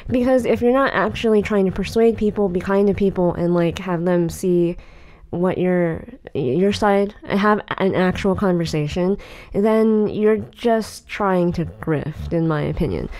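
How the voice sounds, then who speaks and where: A woman's voice: on the low side, unhurried, darkish tone. A woman in her late twenties co-hosting a podcast, talking casually with lots of fillers and restarts. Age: 20s. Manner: rambling, filler-heavy. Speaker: podcast co-host. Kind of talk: casual chat.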